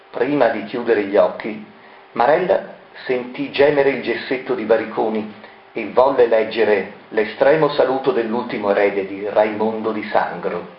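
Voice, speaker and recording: Man reading a dark story aloud. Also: lowish voice. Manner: measured, expressive, darkly ironic. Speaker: narrator. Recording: dull roomy recording, faint noise.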